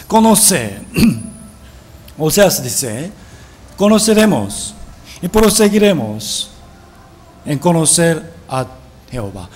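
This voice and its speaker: A man teaching a Bible seminar in a sermon style. He reads scripture aloud and asks his listeners rhetorical questions, often adding a tag question. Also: fairly high pitch.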